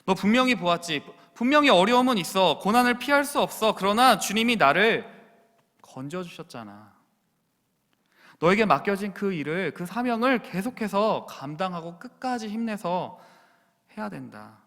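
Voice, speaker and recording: A preacher putting on an old apostle talking to his young disciple like a father, earnest and pleading, with a fairly high voice that rings out through a big reverberant church. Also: very animated, normal speed, a bit bright, full character voice. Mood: urging. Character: the aged apostle Paul, a man urging his young disciple.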